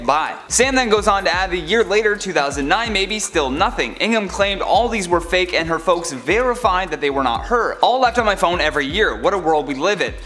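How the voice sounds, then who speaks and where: A man's voice: sits high, bright, forceful tone. A man hosting online entertainment news, reading scripted narration.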